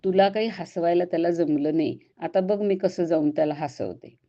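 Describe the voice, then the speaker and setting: A woman's voice: fairly low pitch, moderate pace, dark tone, muffled recording, natural voice. A woman voicing a playful, kind young divine woman who teases and coaxes. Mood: teasing. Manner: teasing, coaxing.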